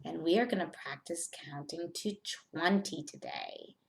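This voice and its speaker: Speaking in a low register with noticeable vocal fry, a woman teaches young kids math step by step. She keeps her phrasing simple and deliberate and keeps questioning her students.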